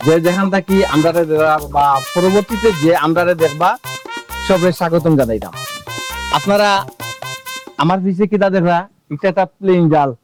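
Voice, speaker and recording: A man's voice: high-pitched, moderate pace, long pauses, over music, close to an everyday voice. An actor with a Sylheti accent playing a showy village husband who talks to his viewers like a vlogger while he eats fish. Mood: showing off. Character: boastful village husband eating raw fish for views. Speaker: husband filming a food video.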